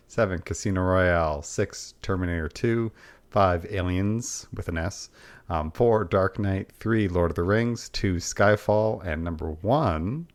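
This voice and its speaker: Deep-voiced laid-back male podcaster. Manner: laid-back, wry, chatty. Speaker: podcast co-host. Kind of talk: casual chat.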